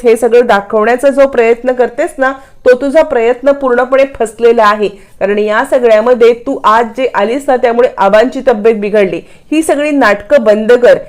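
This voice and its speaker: A woman's voice: fairly high pitch, a little mellow, natural voice. A woman voicing an angry young husband who lectures his wife, as part of retelling a TV serial plot. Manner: scolding, lecturing.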